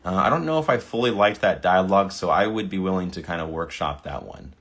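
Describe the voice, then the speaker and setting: A man's voice: low voice, animated, brisk, a bit bright. A man reading AI video prompts aloud in a casual commentary, sometimes stumbling over words and reacting with delight. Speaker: video creator. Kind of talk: casual screen-recording commentary.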